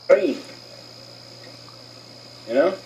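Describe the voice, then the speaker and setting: A man speaking slowly and hesitantly in a clip replayed inside a response video. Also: on the high side, lively intonation, muffled recording. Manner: slow, halting, hesitant. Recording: distant mic with faint hiss, replayed clip.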